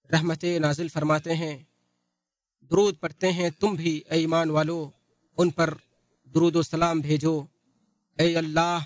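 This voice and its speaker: A man reading a translated Friday sermon in a solemn, measured recitation. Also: a little high, dry recording.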